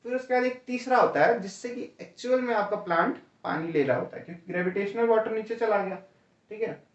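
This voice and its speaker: A man's voice: high-pitched, fairly quick. Echoey, distant man teaching. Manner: explains step by step, keeps asking "है ना?" and "ठीक है?"; calls students "भैया". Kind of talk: exam-prep lecture. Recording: roomy, distant, dull lo-fi sound.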